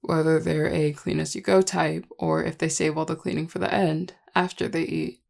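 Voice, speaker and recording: A performer voicing a charming, affectionate vampire lover in an intimate audio role-play, teasing and tender in a relaxed, gravelly voice. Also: mid-range voice, normal speed. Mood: fond, teasing. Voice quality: gravelly, heavy vocal fry. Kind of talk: intimate audio role-play, one-sided dialogue to listener.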